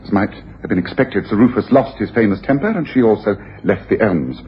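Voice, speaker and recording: An actor playing Sherlock Holmes, a keen, knowing detective who muses and lectures precisely in a radio drama. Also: male voice, on the low side, brisk, natural voice. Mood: explaining. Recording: dull, faintly noisy 1980s radio broadcast.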